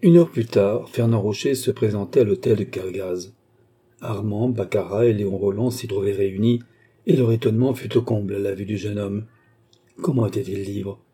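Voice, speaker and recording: Husky low-voiced male narrator. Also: normal speed. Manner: steady, dramatic storytelling. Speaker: audiobook narrator. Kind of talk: scripted narration.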